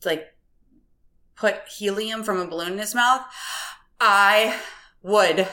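A woman in her thirties co-hosts a podcast in a candid, rambling way, giggling as she goes and leaning on filler words. Her voice is bright and forward, with a slight edge to it. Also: medium pitch, slow pace. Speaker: podcast co-host. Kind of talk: casual chat.

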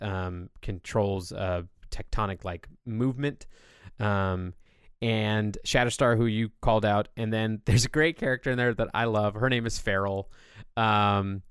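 Podcast host guy, lowish smooth voice, rambles on excitedly explaining stuff, dry close mic. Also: dry recording. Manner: long-winded enthusiastic explaining. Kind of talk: casual chat.

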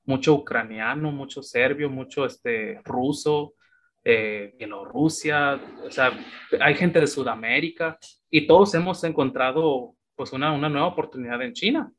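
A man in his thirties with a Mexican accent, a guest telling his story in a relaxed, chatty way with plenty of fillers. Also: mid-range voice, measured pace. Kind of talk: casual interview chat.

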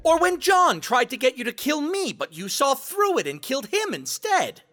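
A man playing a sarcastic, self-serving rogue supervillain in an audio drama, with a dramatic, drawn-out delivery. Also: extremely high pitch, sing-song, very noisy. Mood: nervous pleading. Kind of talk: theatrical audio drama acting.

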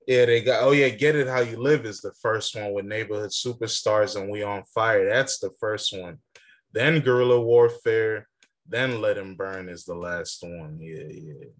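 A young podcast co-host argues his side in a casual debate about rap, talking profanely and cutting in over his partner. His voice is on the low side, at a moderate pace.

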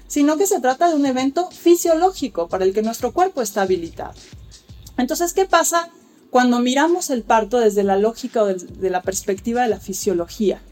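A woman's voice: fairly high pitch, a little mellow. A woman, speaking as an expert guest and explaining childbirth care in an articulate, lecturing way. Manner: articulate, lecturing, acts out quoted dialogue. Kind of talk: explanatory interview talk.

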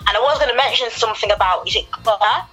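Woman radio host interviewing a guest, bright voice, eager and encouraging, soft music behind. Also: fairly high pitch, rapid-fire, low-quality recording.

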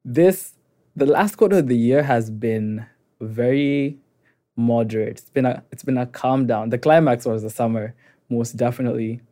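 A man's voice: medium pitch, moderate pace, mellow. A young man co-hosting a podcast, talking casually with playful, upbeat emcee flourishes. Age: young adult. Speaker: podcast co-host.

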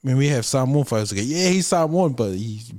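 A male podcast host asks his questions in a loose, halting way, with plenty of pauses. His voice sits at a middling pitch. The recording is dry and close. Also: dry recording. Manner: relaxed, hesitant questions full of ums. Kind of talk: casual podcast chat.

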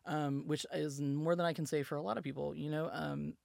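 A woman's voice: deep voice, fairly even intonation, a little fast, creaky, darkish tone, no echo, clean studio sound. A woman from Alabama, a musician and podcast guest, telling her story in a chatty, filler-heavy way and acting out quotes. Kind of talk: casual storytelling interview.

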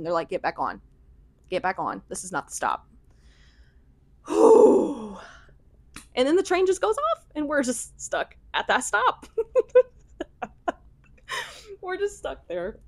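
A woman's voice: high voice, no echo. A young American woman telling a travel story in casual vlog style, peppered with "like" and laughing asides. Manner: chatty, filler-heavy with frequent "like", laughing asides. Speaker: vlogger.

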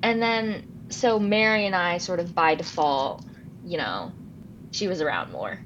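A woman's voice: lowish voice, lively intonation, unhurried, fairly bright tone, muffled recording, slight background noise. A nineteen-year-old woman from California, telling stories on a casual podcast with detours and self-corrections. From Los Angeles, California. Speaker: podcast co-host. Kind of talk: casual storytelling chat.

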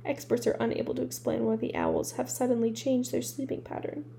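A woman's voice: on the high side, little pitch movement, brisk, vocal fry, dark tone, a little hiss or hum. Woman doing a wry TV newscaster man. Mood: formal. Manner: formal broadcast delivery. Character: wry male television newscaster.

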